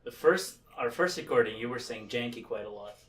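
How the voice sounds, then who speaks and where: A man's voice: medium pitch, animated, fairly quick, a bit bright, distant mic. A man from Canada commenting casually on a video game, chatty and laughing often. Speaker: let's play host.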